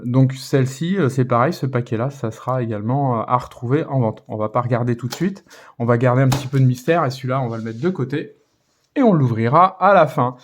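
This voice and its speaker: A man casually commenting as he opens trading card packs, hesitating often with filler sounds and restarts and reading card names out slowly. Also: medium pitch. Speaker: card-opening video host.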